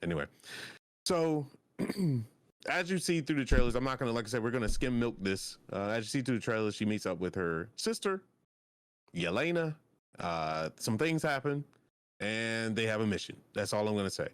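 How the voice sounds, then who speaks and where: A young man co-hosting a podcast, talking in an excitable, gushing way that often trails off mid-sentence. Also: lowish voice, moderate pace, clear, resonant tone, no room sound. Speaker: podcast co-host. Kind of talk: casual chat.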